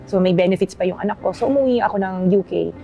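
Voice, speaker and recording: A woman's voice: medium pitch, fast, vocal fry, mellow, faint music behind, low-quality recording. A middle-aged woman interview guest, chatting casually and politely, mixing Tagalog with English. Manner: mixes Tagalog with English, polite "opo", laughs easily.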